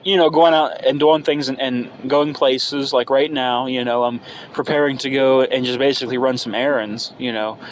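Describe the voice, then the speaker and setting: A man's voice: mid-range voice, steady tone, normal speed, dull audio. A man in his early twenties hosting a casual, unscripted solo podcast, talking hesitantly and thinking aloud into a phone inside a car. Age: early 20s. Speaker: podcast host. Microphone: phone microphone. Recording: noisy car-interior phone recording.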